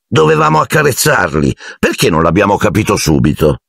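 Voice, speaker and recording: A man's voice: lowish voice, big pitch swings, fairly quick, creaky, a bit bright, pitched above the performer's own voice, exaggerated voice. A man voicing a snobbish, spiteful teenage boy wizard who mocks and taunts in a haughty tone. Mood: sneering.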